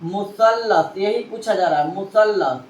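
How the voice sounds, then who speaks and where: A man's voice: high voice, a little slow, lo-fi sound. A male teacher running a classroom quiz lesson, repeating the students' answers back to them and drilling each point with patient prompts. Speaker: Urdu grammar teacher. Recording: roomy classroom echo, faint background noise.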